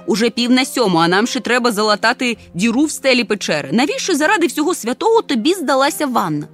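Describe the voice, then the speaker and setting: A woman voicing a bustling father creature in an audiobook, calling out brisk orders. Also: a little high, very animated, faint music behind.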